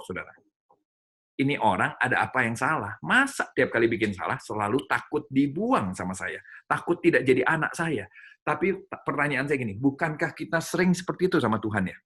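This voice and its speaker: A middle-aged man teaching a church audience in a sermon style, animated and addressing listeners directly. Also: medium pitch, breathy edge. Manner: animated, addresses listeners as "saudara", acts out dialogue with his child. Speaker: speaker at a church teaching event.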